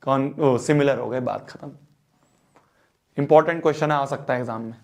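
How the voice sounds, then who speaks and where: A man's voice: mid-range voice, brisk, darkish tone. A young man teaching a math exam-prep lesson, repeating phrases and checking that students follow.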